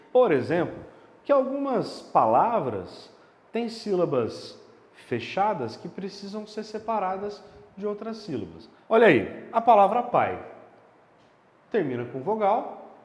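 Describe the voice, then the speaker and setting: Grammar teacher guy, keeps checking in, bouncy delivery, lots of room echo. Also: sits high. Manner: lively, emphatic, checks in with the listener often. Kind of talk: video lesson. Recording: echoey room with long reverb.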